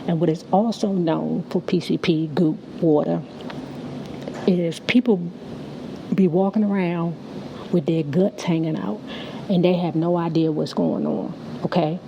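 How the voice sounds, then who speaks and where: A woman's voice: lowish voice, fairly even intonation, unhurried, creaky, dark tone, muffled recording, slight background noise. A woman giving casual, blunt, profane gossip commentary in slangy speech, slightly slurred by the retainer in her mouth. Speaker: YouTube commentary host.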